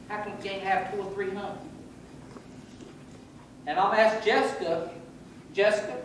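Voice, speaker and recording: Captured from a distance on a camera in an echoey, large wooden camp hall, this North Carolina man in his 60s delivers a motivational talk to young people. His high voice carries a folksy, preacherly style as he paces and gestures, with a little background noise.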